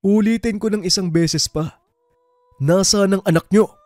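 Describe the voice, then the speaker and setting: A man voicing an angry young man who accuses and threatens forcefully. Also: sits high, normal speed, dry recording, pitched above the performer's own voice, natural voice.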